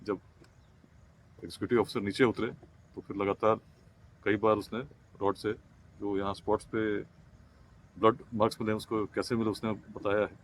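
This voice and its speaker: A man in a police role giving a measured, formal press briefing outdoors at a crime scene. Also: on the low side, little pitch movement, slight background noise. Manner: measured, formal, official wording.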